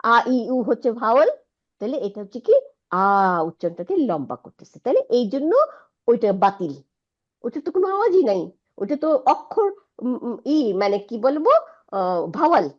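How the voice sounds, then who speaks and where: A woman's voice: a little high, very animated, brisk, long pauses, darkish tone, lo-fi sound. A woman teaching an Arabic lesson, patiently explaining and asking her students checking questions. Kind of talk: online Quranic Arabic lesson.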